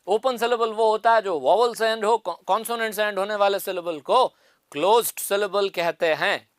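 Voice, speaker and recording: A man's voice: high-pitched, moderate pace, clear, resonant tone, dry recording, studio quality. A man teaching an exam-prep phonetics lesson, explaining step by step and repeating the key answers.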